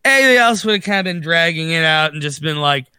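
Podcast co-host, male, a bit high, bright edgy tone, dry close mic, talks in loose animated bursts. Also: quick pace, clean tone, no echo. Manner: animated, rambling with restarts. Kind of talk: casual chat.

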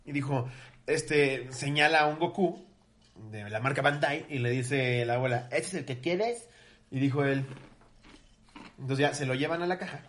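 A man's voice: medium pitch, normal speed. A man, a podcast co-host telling crude anecdotes in casual chat. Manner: crude, animated storyteller.

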